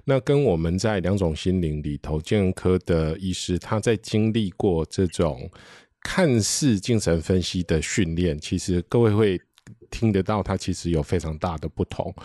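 Male host; low voice, dry sound; moderates an online talk and sums up points, dropping in English terms. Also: mellow, no room sound. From Taiwan. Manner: summarizing, with English terms mixed in. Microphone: video call.

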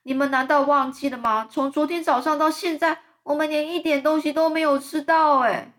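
A woman's voice: sits high, fairly even intonation, moderate pace, pitched above the performer's own voice. A woman voicing a gloomy, complaining blind earthworm in a storybook reading, whining and panicky. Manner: whiny, panicky, shouts in protest.

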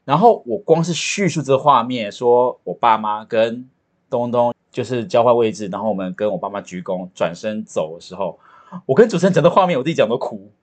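A man talks quickly in relaxed podcast banter. His pitch swings widely as he jokes and tells stories, and he sounds animated and chatty throughout. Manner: animated, chatty, jokey storyteller. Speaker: podcast co-host about to marry. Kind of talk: casual chat.

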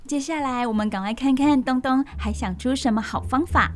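High-voiced woman reading to little children. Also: fairly quick. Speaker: children's radio storytelling host. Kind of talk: reading a picture book aloud to young children.

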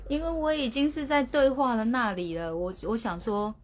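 A woman's voice: fairly high pitch, measured pace. A woman hosting a casual livestream from her phone, chatty and sheepish, often restarting her words. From Taiwan. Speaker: livestream host.

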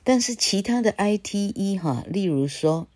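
A woman gives a casual English lesson, chatty and wandering off topic, tagging phrases with "ha" and spelling words out slowly. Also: mid-range voice, animated, a little mellow, no echo. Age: 60s. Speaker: English teacher.

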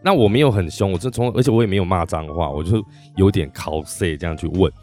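Man, casual podcast storytelling, animated, lowish voice, faint music bed. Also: fast talker. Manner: animated, acts out quotes, restarts often. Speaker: podcast host and working musician.

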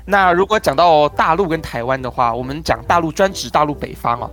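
Casting: a Taiwanese man, a crosstalk performer guesting on a talk show, relaxed and explanatory, with faint music underneath. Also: on the high side, a little fast. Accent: Taiwanese Mandarin. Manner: explains pronunciation with playful spoken demonstrations. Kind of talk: casual interview chat.

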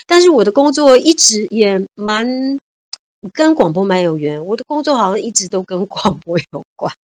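This interview guest, a Taiwanese civil servant in her 50s, talks in a mid-range voice at a moderate pace with no echo. She's animated and chatty, laughs readily, and leans on many fillers.

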